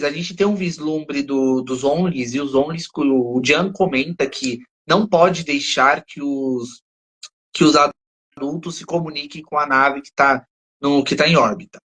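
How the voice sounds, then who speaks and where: Husky Brazilian man thinking aloud. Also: on the high side, a bit bright. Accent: Brazilian Portuguese. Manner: analytical, thinks aloud, restarts often. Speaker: podcast co-host. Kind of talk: casual discussion of a TV episode.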